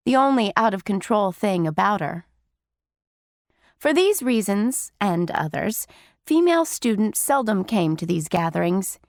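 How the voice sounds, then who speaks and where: A woman narrating a teen novel in the first person, with steady, wry storytelling. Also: medium pitch, dry recording, clean studio sound. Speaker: audiobook narrator.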